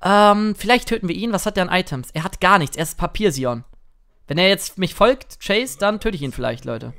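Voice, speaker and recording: Young man, gameplay commentary, high voice, bright tone, chatty, excitable. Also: brisk, vocal fry, clear, resonant tone. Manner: chatty, excitable, sings and shouts at plays. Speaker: gaming streamer.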